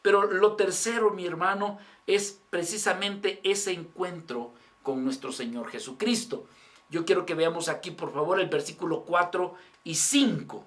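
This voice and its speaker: Slow-preaching high-voiced male pastor. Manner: preaching with rhetorical questions, addressing the congregation as brothers; dramatic swings from raised voice to hushed endings. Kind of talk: sermon. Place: church.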